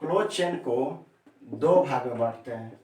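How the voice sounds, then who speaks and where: A man's voice: medium pitch, expressive, measured pace, a little mellow, slight background noise. A male chemistry teacher giving a classroom lesson who repeats key terms and keeps quizzing his students with questions. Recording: echoey room, mic set far off.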